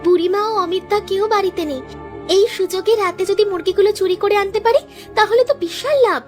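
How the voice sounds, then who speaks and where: A woman's voice: very high-pitched, a little mellow, faint music behind. A woman voicing a sly, bossy village woman in a cartoon, plotting and hurrying her partner along. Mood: scheming. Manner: conniving, bossy, quick. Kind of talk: cartoon dubbing.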